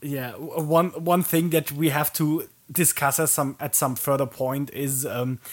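A man co-hosting a podcast in relaxed casual chat, with a hesitant delivery. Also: on the high side, unhurried. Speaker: podcast co-host.

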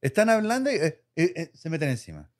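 A man with a Chilean accent co-hosting a podcast in casual chat, slangy and halting, repeating words as he gets going. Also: on the high side, wildly swooping pitch, darkish tone. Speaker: podcast co-host.

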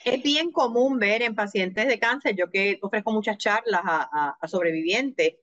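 A woman's voice: medium pitch, normal speed, fairly bright tone, lo-fi sound. A woman hosting a podcast interview who affirms and echoes her guest's words. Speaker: podcast host.

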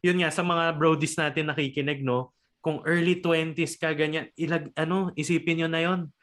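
A young Filipino man hosting a podcast, giving relaxed advice in a casual chat. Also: fairly high pitch, normal speed. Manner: relaxed, advice-giving, mixing English and Tagalog. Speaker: podcast host.

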